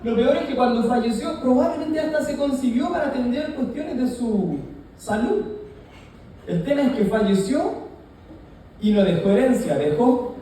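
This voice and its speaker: A man preaching a lively, joking sermon and asking the congregation to answer back. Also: extremely high pitch, moderate pace, recorded from a distance, slight background noise. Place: large echoey church hall. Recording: very echoey hall, heard from afar.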